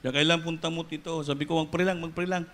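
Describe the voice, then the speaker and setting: Middle-aged Filipino male preacher with a bright, higher voice; shifts from quiet storytelling to loud exclamations. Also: level tone, fast, a little hiss or hum. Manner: switches between soft storytelling and loud exclamations; mixes English words into Tagalog. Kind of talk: sermon with personal story.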